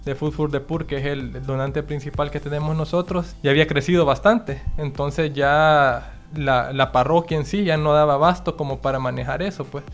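A man, a foundation representative explaining its history in a halting radio interview style. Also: on the high side, fairly even intonation, faint music behind. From El Salvador. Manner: halting, repeats words.

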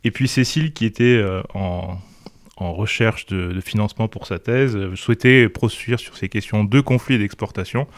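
Low-voiced male researcher, dry sound. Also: normal speed, dry recording. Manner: hesitant, with fillers and restarts. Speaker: guest researcher. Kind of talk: conversational interview.

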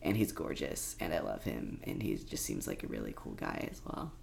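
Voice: extremely low pitch, sing-song, moderate pace, creaky, a little mellow, slight background noise. A young adult co-host in casual chat, rambling with lots of fillers and frequent laughter. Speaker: podcast co-host.

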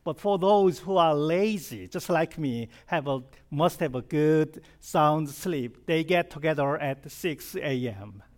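With an animated, slightly high voice, a middle-aged South Korean pastor preaches slowly and with few pauses, his Korean accent clear. The sermon is conversational, humorous and chatty, and he directs questions at the congregation.

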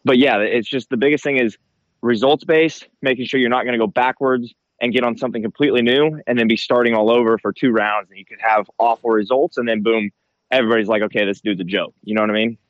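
A man speaks as a racer being interviewed, informal and full of little check-in tags. His voice is mid-pitched and comes through headphones used as a mic. The sound is a little dull, with no room echo. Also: steady tone, fast. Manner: informal, slangy, frequent check-in tags like "right?" and "you know". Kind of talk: casual interview answers.

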